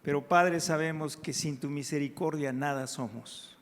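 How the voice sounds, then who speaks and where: A man preaching a sermon in a church, praying in drawn-out phrases and then teaching with growing emphasis. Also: fairly high pitch, fairly even intonation. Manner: slow, prayerful, drawn-out phrases. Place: church hall. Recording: hall with long reverb.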